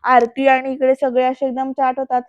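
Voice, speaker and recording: A woman recaps a TV serial in a casual, chatty voice-over and talks straight to her viewers. Her voice is a little high and stays quite flat. The recording is dull, dry and lo-fi, close to the mic. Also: moderate pace, dry recording. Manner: chatty, addresses the viewers directly, acts out quoted lines. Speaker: serial episode reviewer.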